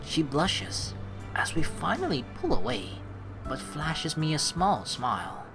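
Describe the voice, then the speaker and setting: Her voice is low and a bit gravelly, with big swings in pitch and a slightly slow pace, as this young streamer reads a visual novel over music. She adds giggly, playful, chatty comments between lines in her let's play.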